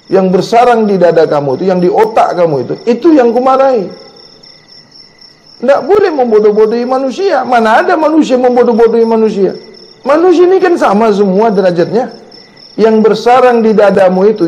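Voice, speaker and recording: A male religious teacher, giving a repetitive, scolding Sufi sermon that rises to sharp outbursts. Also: high voice. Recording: dull sound with long reverb.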